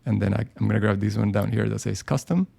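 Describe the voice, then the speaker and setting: Talking fast with vocal fry, this design software presenter walks through a live on-screen tutorial. His voice is lowish and warm, and his casual, thinking-aloud style is full of ums and restarts.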